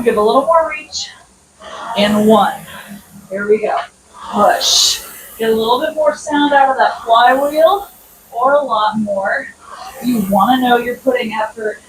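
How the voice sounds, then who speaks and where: An American woman instructing a workout while exercising on a rowing machine, mixing explanations with short, encouraging commands. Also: a little high. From United States. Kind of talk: coaching a workout with counted cues. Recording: echoey room, distant mic, noisy background.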